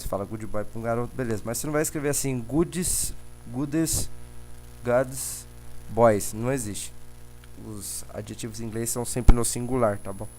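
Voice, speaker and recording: A man's voice: medium pitch, a little mellow, slight background noise. A young man with a Brazilian Portuguese accent, teaching a casual online English lesson from slides, rambling and correcting himself as he goes. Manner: chatty, rambling, self-correcting, checks in often.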